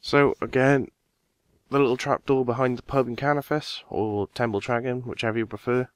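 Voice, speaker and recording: A man with a smooth, resonant voice, recorded dry and close with no room sound. He walks viewers through a game quest step by step in a relaxed, casual voice-over. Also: medium pitch, moderate pace, no echo. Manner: relaxed step-by-step instructions, talking straight to viewers. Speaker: game guide narrator.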